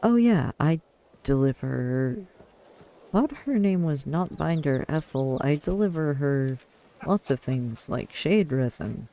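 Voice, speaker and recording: A man's voice: on the high side, lively intonation, measured pace, hardly any pauses, warm tone. A man giving casual video game commentary, musing and hesitant as he thinks aloud and reads in-game text. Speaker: player narrating a video game.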